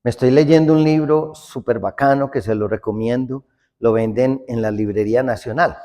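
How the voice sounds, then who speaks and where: A man's voice: mid-range voice, moderate pace, warm tone. A man with a Colombian accent preaching a humorous sermon as a priest, folksy and joking, acting out small everyday dialogues. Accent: Colombian Spanish. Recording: long hall reverb.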